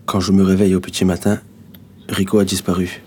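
A man narrating in the first person for a radio drama, quiet, measured and somber. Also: sits low, level tone, close to an everyday voice. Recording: noisy background.

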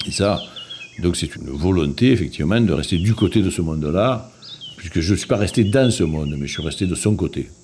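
A man's voice: low-pitched, lively intonation, a little mellow. A man in his sixties from Marseille with a strong Marseille accent, speaking thoughtfully and hesitantly about keeping his accent. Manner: thoughtful, hesitant with many pauses. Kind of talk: reflective interview testimony. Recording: noisy background.

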